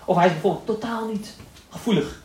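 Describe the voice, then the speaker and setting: A man giving a lively lecture to a class, quick and joking, acting out the people in his stories. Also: high-pitched. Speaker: Islamic lecturer. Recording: echoey room, voice from a distance, faint noise.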